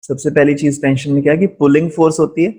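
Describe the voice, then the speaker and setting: A man teaching physics in a live online class, speaking deliberately slowly and often checking in with his students. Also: a little high, level tone, mellow. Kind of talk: live online lesson, mixing Hindi and English.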